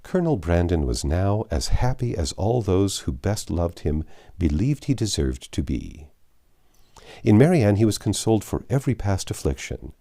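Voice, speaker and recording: Narrating a classic novel for an audiobook, a man with a low voice shapes his storytelling with measured, expressive phrasing.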